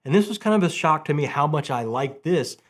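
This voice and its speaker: A middle-aged man hosting a book review channel speaks a little fast in an expressive voice on the high side. He chats casually and enthusiastically about books, repeating phrases for emphasis.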